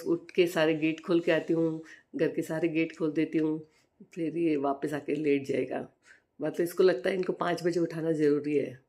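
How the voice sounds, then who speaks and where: In a relaxed vlog, an older woman chats fondly about her granddaughter, lifting her pitch whenever she imitates the little girl.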